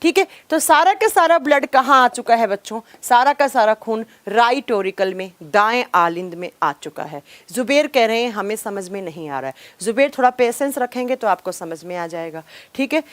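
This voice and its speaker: A woman's voice: on the high side, lively intonation, normal speed, few pauses, no echo. A young woman teacher, lecturing a live online class on biology, repeating key terms and sharply scolding impatient students.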